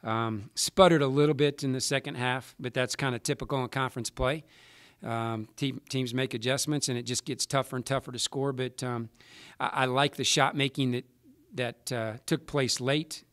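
A man in his forties, a basketball coach answering reporters after a game at a table mic, measured and halting with many restarts. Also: mid-range voice, steady tone, a bit bright, no echo, clean studio sound. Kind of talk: post-game press conference answers. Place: press room with sponsor backdrop. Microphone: table mic in front.

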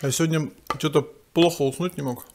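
A man's voice: fairly high pitch, fairly even intonation, a little fast, slight background noise. A man talking casually to viewers while chewing food, rambling and chatty. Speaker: mukbang vlogger. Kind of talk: casual chat while eating.

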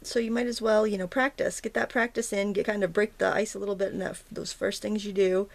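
This casual tutorial comes from a watercolor teacher painting at her table, talking in a slightly hoarse, gravelly voice with vocal fry, as if her throat is still froggy from the morning. Her pitch is medium and her delivery flat and a little fast. She rambles chattily, breaking off sentences, starting over, and filling gaps with ums.

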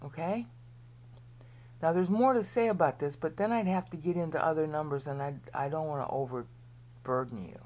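A Bible teacher with an American accent gives a rambling Bible lesson over a screen share, speaking at normal speed in a deep, slightly mellow voice. She often checks in with "okay" and sometimes drops to a near whisper.

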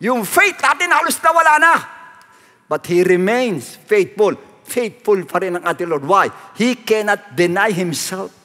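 High, bright-voiced preacher in a reverberant hall. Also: male voice, animated, moderate pace, hardly any pauses. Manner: repetitive, emphatic preaching mixing English phrases. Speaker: pastor. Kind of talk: sermon. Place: church hall.

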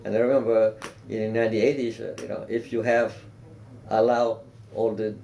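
Older South Vietnamese man, Vietnamese accent, low and mellow, earnest oral-history interviewee. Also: little pitch movement, creaky, slight background noise, poor audio. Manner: measured, earnest, with frequent restarts and "you know". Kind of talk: reflective interview answers. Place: office with bookshelf and plant. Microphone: seated, framed mid-shot by a camera.

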